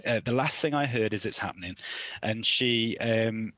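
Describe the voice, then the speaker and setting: A man in his thirties with an English accent, telling a lively story on a casual podcast and acting out the lines he quotes. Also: lowish voice, normal speed, no room sound. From England. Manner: animated storyteller, acts out quoted lines loudly. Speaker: podcast co-host, new father.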